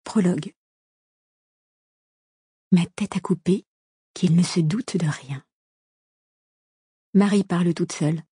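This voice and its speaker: A woman narrates a novel in a calm, measured audiobook read. Her voice sits low and mellow with a slightly husky grain. The close studio recording is completely dry. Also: dry recording. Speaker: audiobook reader. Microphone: close studio microphone.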